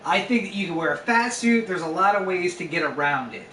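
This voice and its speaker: A man's voice: high-pitched, expressive, brisk, pushed and bright. Chatty male podcast host, roomy sound. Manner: chatty, playfully argumentative. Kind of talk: casual podcast chat. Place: home room. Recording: roomy sound, distant mic, faint noise.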